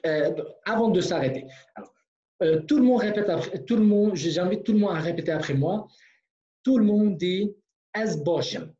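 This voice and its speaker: A teacher leads an online language class at a slow, deliberate pace, saying each phrase more than once for the learners. The voice sounds soft and mellow. The audio comes through a computer mic and sounds muffled and lo-fi, like a web lesson. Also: medium pitch. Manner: explains patiently, checks in with "ok?".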